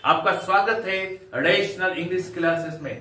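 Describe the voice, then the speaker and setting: A man's voice: high voice, normal speed, bright, forceful tone. A man teaching English grammar to students, emphatic and repetitive, asking rhetorical questions as he explains. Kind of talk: classroom grammar lesson. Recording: very echoey room, from far off.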